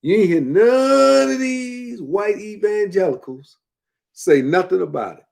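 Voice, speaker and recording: A man's voice: high-pitched, lively intonation, a little slow, gravelly, a little mellow. A man giving casual spoken commentary, emphatic and colloquial, repeating points for effect. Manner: colloquial, drops verbs and uses double negatives.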